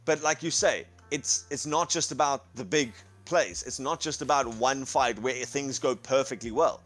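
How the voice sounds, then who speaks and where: A man's voice: medium pitch, normal speed, a bit bright, soft background music. A man hosting an esports broadcast, asking questions in an upbeat conversational way. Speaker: esports caster and interviewer. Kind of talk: esports desk chat.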